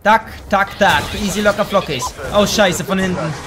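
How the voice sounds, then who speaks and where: A young man commenting on a shooter game as he plays, slangy and swearing, with excitable outbursts. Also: high-pitched, moderate pace, crowd noise. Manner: slangy, swears and trash-talks. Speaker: let's play host. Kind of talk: casual gameplay commentary.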